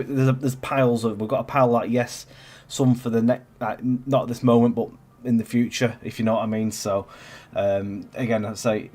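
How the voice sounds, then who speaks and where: Stuffed up with a cold, a man in his thirties hosts a gameplay livestream, his congested voice on the low side and a little mellow. He chats casually and rambles, filling his speech with lots of fillers.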